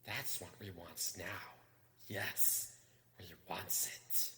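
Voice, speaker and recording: A man's voice: low voice, steady tone, bright, forceful tone, full character voice. A man voicing a wretched, wicked, obsessive cave creature who hisses and whispers to himself in a strained voice, as in a storybook reading. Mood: covetous whispering. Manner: talks to himself, drawn-out muttering. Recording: echoey room with long reverb.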